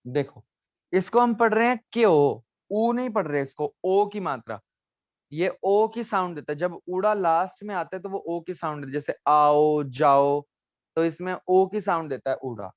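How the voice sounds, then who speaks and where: Male teacher for an online class, a bit higher voice, repeats words and quizzes students, dry dull lo-fi sound. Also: moderate pace, dry recording. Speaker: language teacher.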